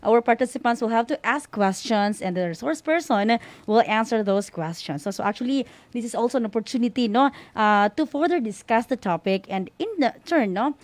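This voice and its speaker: A Filipino woman with a Visayan accent informally hosts a school-on-the-air radio program, switching between English and Visayan and often tagging her sentences with "no?". Her voice is a little high with lively intonation, and she talks a little fast with few pauses. There's no room sound.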